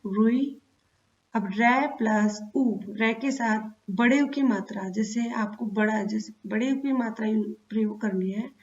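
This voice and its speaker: A woman teaching a children's grammar lesson, spelling out words slowly sound by sound. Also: a little high. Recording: dull lo-fi sound.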